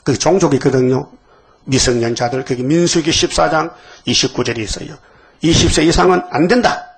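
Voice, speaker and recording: Gravelly, animated Korean preacher man. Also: on the high side, fairly quick. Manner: animated, questions the congregation, acts out biblical voices. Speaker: pastor. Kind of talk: dawn sermon.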